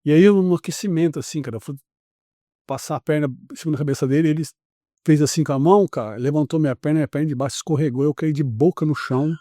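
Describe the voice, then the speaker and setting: A man from Brazil, around his forties, telling a story as a podcast guest in a casual, animated way and acting out the other people's lines. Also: a little high, fast talker, no room sound, studio quality.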